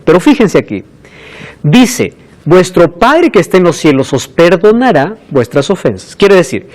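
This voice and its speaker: Pastor, man, high voice with lots of melody, preaches and acts out the voices he quotes. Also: a little mellow. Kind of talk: sermon.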